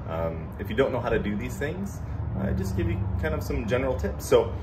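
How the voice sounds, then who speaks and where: A man's voice: mid-range voice, very animated, a little fast. A man in his thirties chatting casually through a hands-on tutorial, his speech slurred from a mouth numbed by dental work, joking at his own expense. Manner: self-deprecating, joking. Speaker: DIY car restoration host. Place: home garage, indoors. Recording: noisy garage ambience.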